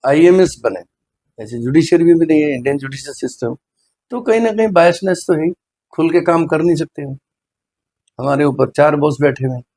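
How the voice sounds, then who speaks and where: An animated middle-aged man, medical superintendent at a hospital, gives earnest, deferential interview answers peppered with English phrases. His darkish, slightly rough voice is on the high side and keeps a moderate pace.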